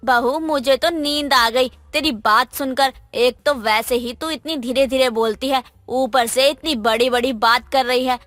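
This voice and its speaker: An impatient, sharp-tongued mother-in-law nags and scolds, voiced by a woman. The voice is high-pitched, over faint background music in this animated tale. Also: unhurried, hardly any pauses, no room sound. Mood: scolding. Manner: scolding, nagging. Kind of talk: animated moral story dialogue.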